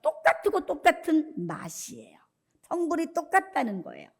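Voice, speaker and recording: A woman pastor giving a lively sermon, often putting questions to the congregation. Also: high voice, normal speed, creaky.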